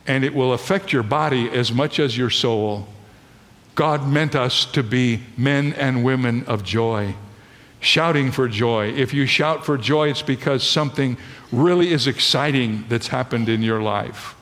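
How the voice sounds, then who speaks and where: A middle-aged male pastor delivers an animated sermon in a church sanctuary. He tells stories with energy and slows down to press home key lines. His medium-pitched voice rings with the long reverb of a large hall. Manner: animated storytelling preacher, slows for emphasis.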